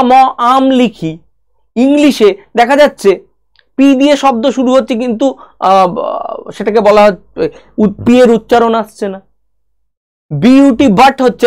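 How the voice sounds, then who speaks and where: A woman with a Bengali accent giving a spoken English lesson, speaking straight to the viewer and going through learners' problems one by one. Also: a little high. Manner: direct, talks to the viewer as "you", lists problems one by one.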